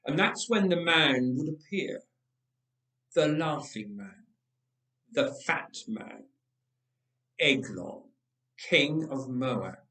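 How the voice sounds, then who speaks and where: This is a dramatic read-aloud of a Bible tale by a male reader with a mid-range voice, recorded inside a church with roomy, echoing acoustics. He phrases things deliberately and expressively, repeating for emphasis.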